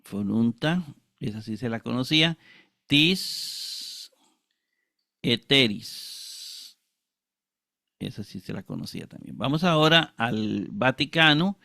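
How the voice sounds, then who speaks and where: A man's voice: mid-range voice, animated, pushed and bright, no room sound, clean studio sound. A man teaching Greek Bible exegesis, reading from ancient manuscripts, carefully spelling out words and often asking for agreement. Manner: slow, deliberate, spells out Greek words syllable by syllable; frequent tag questions and throat clearing.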